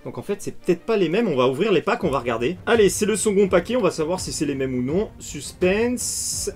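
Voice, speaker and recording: A man giving casual unboxing commentary as a card collecting video host, breaking into excited exclamations over each card. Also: sits high, fast, faint music behind.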